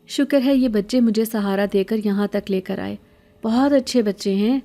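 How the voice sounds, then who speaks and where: A woman's voice: mid-range voice, mellow, natural voice. A woman voicing a middle-aged beggar woman in a horror story, pleading and sweet-sounding, later harsh and scolding.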